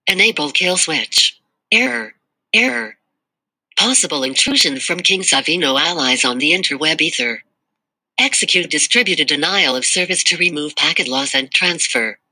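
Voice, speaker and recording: A performer voicing a malfunctioning robot AI podcast producer in a glitching robot manner, reading out system status alerts and error warnings in a flat synthetic delivery. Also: medium pitch, normal speed, slightly rough, no room sound, heavily acted. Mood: alarmed, mechanical. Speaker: stand-in podcast host. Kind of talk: comedic scripted monologue.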